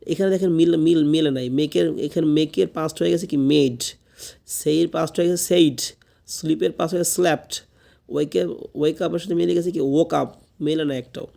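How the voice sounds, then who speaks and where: A man leads a spoken English lesson with a gravelly, somewhat high voice. He drills each word again and again and often stops to check that his students are following. His tone stays dark and mellow. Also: fairly even intonation, a little fast. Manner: repeats each word several times, asks "ঠিক আছে?" to check understanding. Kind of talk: classroom lesson with drilled repetition.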